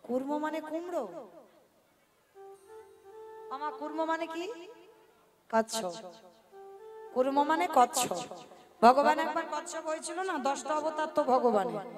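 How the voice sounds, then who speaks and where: A woman performer telling a devotional story in kirtan style, animated and addressing her listeners directly. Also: high-pitched, moderate pace, long pauses. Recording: live devotional music behind.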